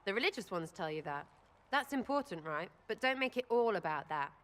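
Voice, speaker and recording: A woman's voice: medium pitch, lively intonation, brisk, natural voice. An actress playing a blunt, sarcastic young woman archer in a video game, crude and irreverent. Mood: flippant. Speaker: companion character in a video game.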